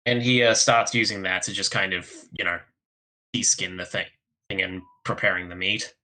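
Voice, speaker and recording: A man's voice: low-pitched, flat delivery, normal speed, sharp tone, low-quality recording. A man playing a tabletop role-playing game, talking casually and speaking for his character.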